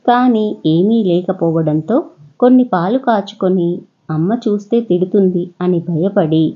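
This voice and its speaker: A woman with a Telugu accent narrating a children's story in a steady, even storytelling manner. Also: fairly low pitch, measured pace, slightly rough, dull audio.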